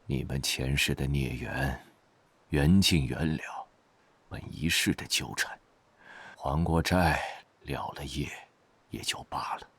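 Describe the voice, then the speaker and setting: An ancient, reproachful mystic spirit speaks in an extremely low, husky voice. The delivery is solemn and archaic, full of weary gravity, in a close, dry audio drama recording. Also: male voice, fairly bright tone, no echo, heavily acted. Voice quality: raspy, breathy bass. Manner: slow, sighing, archaic wording.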